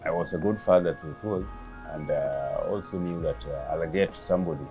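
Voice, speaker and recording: A man in his fifties, raised in Kenya, answering interview questions about his son in a slow, halting way with many pauses and fillers. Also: extremely low pitch, dark tone, faint music behind. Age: 50s. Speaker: interviewee, father of the late comedian.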